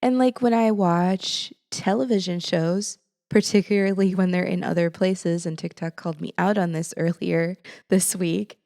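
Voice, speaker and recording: Laughing low-voiced woman podcaster. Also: steady tone, normal speed, gravelly, dark tone. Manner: laughs often, thoughtful and explaining. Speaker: podcast co-host. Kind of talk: casual chat.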